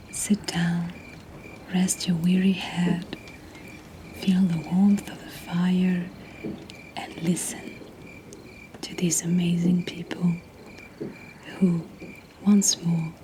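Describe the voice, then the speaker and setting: A host who isn't a native English speaker reads submitted poetry in a soft, breathy, gentle ASMR whisper with a lowish voice, her delivery slow and deliberate. Crickets and other insects chirp in a nighttime ambience behind her, along with faint noise.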